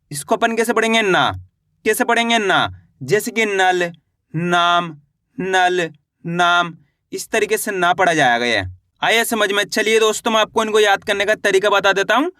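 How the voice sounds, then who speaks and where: A male teacher leading a patient beginner lesson on reading Hindi letters. He drills each sound, slows down on example words, and keeps checking that the learner follows. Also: sits high, pushed and bright, dry recording, studio quality.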